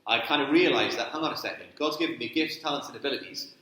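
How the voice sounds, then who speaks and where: A Geordie man in his thirties from Newcastle, England, is a guest speaker and sports ministry director giving a chatty church talk on sports ministry, often checking in with "okay?". He talks fast at a medium pitch with a sharp tone. The church hall is very echoey.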